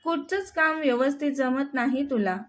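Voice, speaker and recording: A woman's voice: high-pitched, normal speed, close to an everyday voice. A woman voicing a short-tempered rich young husband who scolds harshly. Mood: angry.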